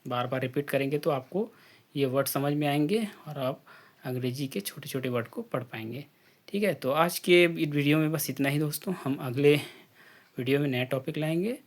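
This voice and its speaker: A man teaching an English phonics drill, spelling out letters and blending each sound slowly with repetition. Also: fairly high pitch. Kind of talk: slow phonics drill lesson.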